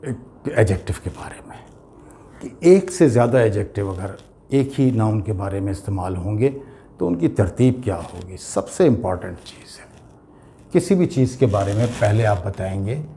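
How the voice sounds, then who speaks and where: A man's voice: fairly low pitch, expressive, normal speed, warm tone, a little hiss or hum. A man with an Urdu accent teaching English grammar, explaining patiently and spelling words out letter by letter. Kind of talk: classroom grammar lesson.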